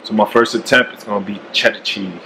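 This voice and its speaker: Background noise runs under this casual cooking vlog, where a man in his thirties holds a camera at arm's length and jokes while cooking in his kitchen. His voice is lowish, quick, and fairly even in intonation.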